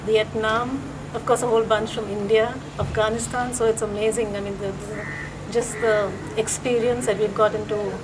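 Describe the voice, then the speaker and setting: Woman with a flat, even voice. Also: fairly high pitch, background noise. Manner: enthusiastic, halting with fillers. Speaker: course organizer. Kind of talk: documentary interview.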